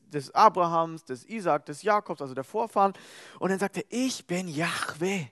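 A man preaching a casual sermon, retelling a Bible story in lively, colloquial words and briefly acting out the quoted voices. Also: sits high, no echo, studio quality.

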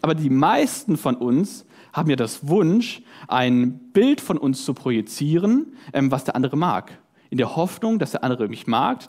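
A man preaching a conversational sermon, often asking "ja?" and "ne?", and acting out short scenes in his examples. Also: medium pitch. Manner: lively, conversational, acts out voices in his examples; tag questions "ja?" and "ne?".

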